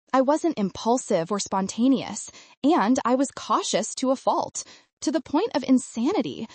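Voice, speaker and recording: A woman reading a first-person audiobook, expressive and voicing each character. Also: on the high side, no echo. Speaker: audiobook narrator.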